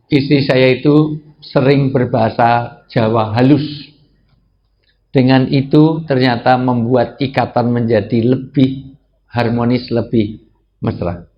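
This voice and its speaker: An Islamic preacher delivers a humorous sermon to a live audience, joking and often jumping up to high exclamations. Otherwise his intonation is fairly even, and he speaks slowly with long pauses. The sound is slightly dull and lo-fi, with faint ambience.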